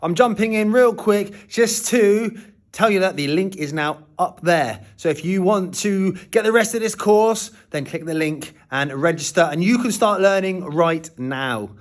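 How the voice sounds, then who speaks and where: A man's voice: high voice, a little slow. A man presenting a course, chummily urging viewers on in a promotional aside.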